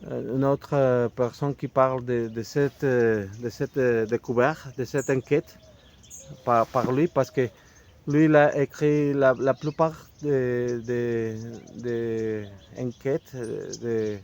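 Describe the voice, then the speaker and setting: Slow, halting man with a Mexican Spanish accent. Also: medium pitch, steady tone, darkish tone. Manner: halting, searching for French words with many restarts. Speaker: video host presenting a book. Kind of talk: unscripted casual talk to camera.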